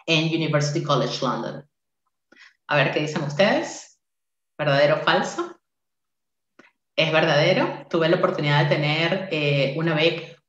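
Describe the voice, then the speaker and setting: A Spanish-speaking woman in her forties who teaches English at a university gives a friendly, interactive online conference talk to a workshop, often using "eh" as a filler. Her voice is deep, and the audio is reverberant and dull.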